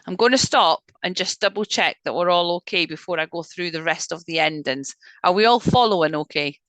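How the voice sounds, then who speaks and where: A woman teaching an online Spanish lesson over a video call. She drills words slowly and keeps checking that her students are following. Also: fairly low pitch, fairly bright tone, no echo.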